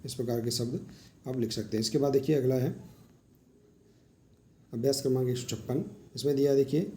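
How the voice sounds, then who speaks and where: Mellow-voiced man teaching a lesson. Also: medium pitch, a little hiss or hum. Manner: explains patiently, often saying "देखिए" while pointing to examples. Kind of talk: workbook lesson walkthrough.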